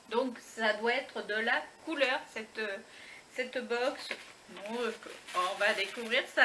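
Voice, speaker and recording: A woman's voice: a little high, bright, forceful tone, slight background noise, rough recording. A woman vlogger chatting casually as she unboxes a beauty box, full of fillers, restarts and little exclamations.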